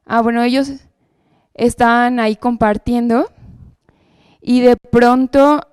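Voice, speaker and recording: A woman's voice: a little high, fairly even intonation, slow, a little mellow, clear, resonant tone, no echo. A woman giving a personal testimony at church, telling her story earnestly and often checking in with the audience. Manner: earnest storytelling with frequent tag questions.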